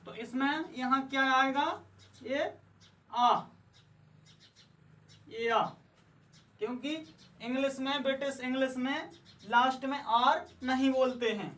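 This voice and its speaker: A woman teaching English pronunciation in a slow lesson, asking questions and answering them herself while repeating each example word. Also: high-pitched, fairly even intonation, fairly bright tone. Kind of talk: slow classroom-style lesson. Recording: voice a bit distant from the mic.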